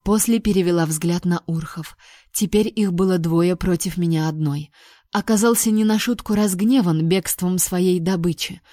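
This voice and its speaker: A woman's voice: lowish voice, normal speed, mellow, dry recording. Woman narrating an audiobook, dry sound. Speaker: audiobook reader. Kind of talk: first-person audiobook narration.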